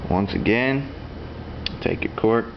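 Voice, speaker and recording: In a slow, mid-range voice, this man demonstrates how to tune a duck call, keeping the lesson casual and hands-on. He explains things plainly and matter-of-factly, and the audio is dull and lo-fi with noticeable noise behind him.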